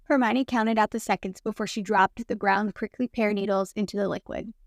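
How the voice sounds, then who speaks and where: A woman's voice: medium pitch, fairly even intonation, brisk, no room sound, studio quality. Woman narrating a fanfic audiobook.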